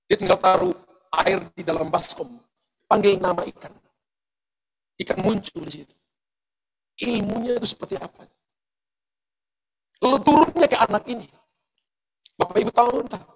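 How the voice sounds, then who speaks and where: A middle-aged man preaches from a church stage, his voice sitting high for a man and carrying a gravelly edge. He tells his testimony in a lively way and keeps turning to the congregation with direct questions. He sounds like a pastor holding the room with a story. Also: poor audio. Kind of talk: sermon.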